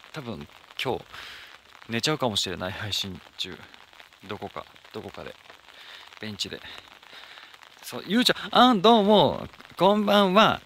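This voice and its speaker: Man, live streamer, casual chatter, very animated pitch, high squealing exclamations, outdoors in rain, phone mic. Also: slight background noise. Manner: reads out and thanks viewer comments.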